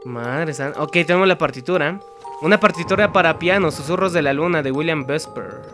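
Over soft background music, a young gameplay commentator with a Mexican accent talks briskly at a fairly high pitch about the horror game he's playing. Profanity flows constantly, he chats with himself, and fear sends him into sudden yells.

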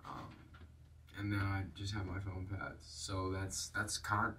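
Low-voiced man, casual and profane. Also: little pitch movement, takes it slowly, pushed and bright. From Wisconsin. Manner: loose and profane, many fillers. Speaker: guest artist. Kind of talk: casual podcast interview. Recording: distant mic with faint noise.

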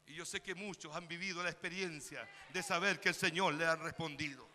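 A man with a Chilean accent preaching a fervent sermon in a church, calling out to the congregation and rising to shouts. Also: on the high side, fairly quick, in a large hall, a little hiss or hum. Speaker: pastor. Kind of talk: Spanish-language sermon. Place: church sanctuary.

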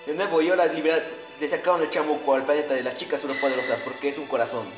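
A young man narrates a video game as a parody, using crude, slangy, mocking humor. His voice is fairly high, steady and very fast, recorded in an echoey room with long reverb and faint music.

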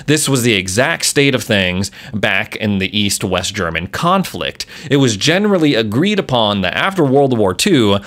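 A man's voice: on the low side, sing-song, moderate pace, few pauses, fairly bright tone. A man hosting a casual explainer video, enthusiastic and chatty with offhand asides. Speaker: YouTuber.

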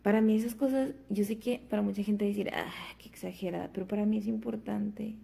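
Gravelly, husky woman chatting. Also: mid-range voice, flat delivery, a little fast, mellow. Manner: rambling, chatty, many fillers. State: just woke up, fasting. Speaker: vlogger. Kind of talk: casual chat to camera. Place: at home.

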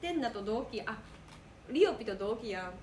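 A woman's voice: a little high, expressive, moderate pace, a little mellow. A woman of about nineteen with a Kansai accent, bantering casually with friends, picked up by a phone in a room. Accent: Kansai Japanese. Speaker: idol, companion on the livestream. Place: echoey indoor room. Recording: roomy echo, clear room noise.

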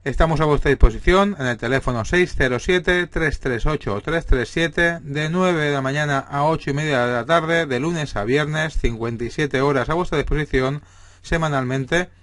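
A man with a Spanish accent, reading a list of tips aloud in a measured, steady way as the presenter for a real estate firm. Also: a little high, no echo. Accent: Spain. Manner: measured, steady delivery of numbered points.

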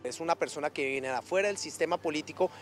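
A man's voice: a little high, fast talker, faint music behind. A man giving pointed political commentary in an interview. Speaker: political analyst.

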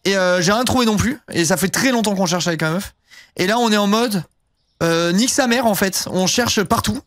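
Young male streamer, high voice, rambling casual chat, dry close sound. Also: moderate pace, fairly bright tone, no room sound. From southern France. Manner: rambling, heavy fillers, casual swearing. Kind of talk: casual live-stream chat while gaming.

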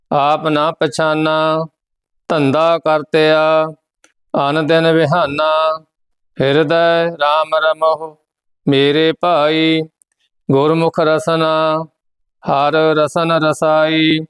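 A man, teaching scripture by reciting each phrase slowly and evenly, then pausing to explain how it is pronounced. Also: a little high, clean tone. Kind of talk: slow line-by-line scripture recitation lesson.

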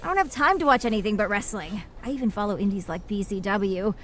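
A woman's voice: medium pitch, lively intonation, fast talker, a bit bright, a little hiss or hum, lightly acted. A woman playing a bubbly young wrestling superfan in a video game, chatty, geeky and enthusiastic. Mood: playful, insistent. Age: young adult. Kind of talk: animated video game character acting.

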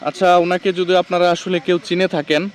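A man's voice: high-pitched, flat delivery, fast talker. A man vlogging at a roadside, asking urgent repeated questions and explaining to the camera. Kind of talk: street vlog conversation. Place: roadside near a rail crossing outdoors.

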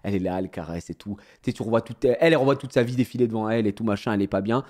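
A man telling a story casually to his viewers, in an animated, slangy way, often laughing at himself. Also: lowish voice, rapid-fire. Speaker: streamer.

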